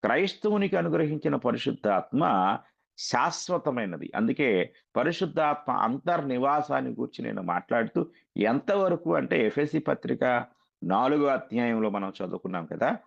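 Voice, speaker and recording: A man's voice: mid-range voice, very animated, moderate pace, vocal fry. A man preaching an earnest, emphatic sermon, recorded over a dull, lo-fi line.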